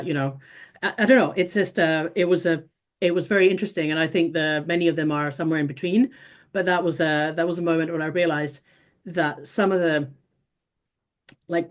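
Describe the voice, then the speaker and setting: A native Finnish woman in her forties speaks as an interview guest, her voice on the low side. She thinks aloud, stopping and restarting her sentences. The audio sounds a little dull and lo-fi. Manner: thoughtful, many restarts and fillers. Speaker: guest, behavioral strategy consultant. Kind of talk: casual interview talk.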